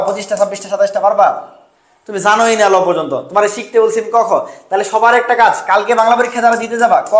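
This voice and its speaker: Fast, high-voiced male tutor. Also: echoey room. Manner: repetitive drilling, quizzing students. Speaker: exam-prep tutor. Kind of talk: online exam-prep lesson.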